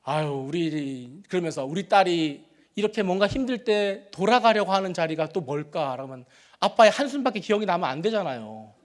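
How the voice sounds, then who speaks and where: A middle-aged male pastor giving a sermon in a church, telling stories about his own family in a conversational, self-deprecating way, rising to loud emphatic peaks and dropping to soft, confiding murmurs. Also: high voice, expressive, a little fast. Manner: swings between loud emphatic build-ups and soft, quiet confiding. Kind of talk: sermon with personal storytelling. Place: church sanctuary.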